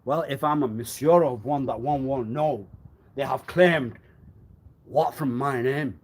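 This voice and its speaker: A man rambling through a live stream monologue, swinging between loud outbursts and low muttering, often laughing and clearing his throat. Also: measured pace. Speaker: livestreamer.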